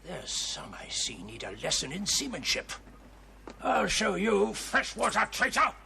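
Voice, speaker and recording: An actor playing a proud, stubborn old sailor in a period television drama, with a gruff, gravelly, blustering and pompous way of talking. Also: male voice, high voice, wildly swooping pitch, unhurried, sharp tone, a little hiss or hum, exaggerated voice. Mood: gruff scorn.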